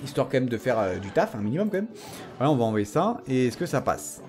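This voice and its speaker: A man giving casual, excitable commentary on his own game, teasing and mock-threatening his opponent, and saying he is tired. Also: medium pitch, quick pace, soft background music. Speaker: gaming channel host.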